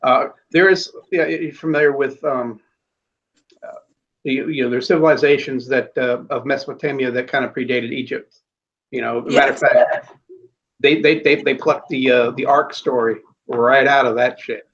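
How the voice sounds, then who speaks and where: A man's voice: mid-range voice, steady tone, moderate pace, fairly bright tone. A man talking in a casual conversation, rambling with many restarts and fillers and blunt, casual swearing. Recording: dull lo-fi audio.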